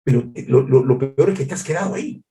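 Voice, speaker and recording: Man, pastor, devotional sermon, emphatic, repetitive, mid pitch. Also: expressive, brisk, dark tone. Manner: repetitive, emphatic, addresses listeners as brothers.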